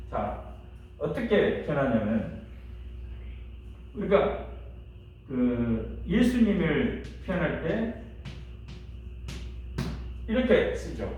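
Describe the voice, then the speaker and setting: A man's voice: high-pitched, darkish tone. A middle-aged male pastor teaching a church history class in a chatty way, asking the class questions and laughing now and then. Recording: echoey room, mic from a distance, faint hiss.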